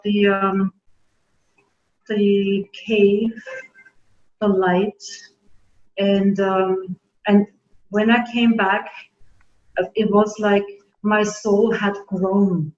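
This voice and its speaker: A middle-aged woman from Germany, raised in Austria, telling her story in an interview, earnest and halting with many fillers. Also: medium pitch, darkish tone. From born in Germany, grew up in Austria. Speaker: naturopathic doctor, guest. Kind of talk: casual interview talk. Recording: dull roomy audio.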